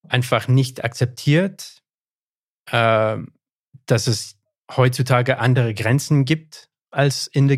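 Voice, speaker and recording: An English-speaking Canadian man talks in German as a guest historian on a podcast interview. His medium-pitched voice is recorded dry and close with no room sound, and he's thoughtful but hesitant, full of fillers and restarts.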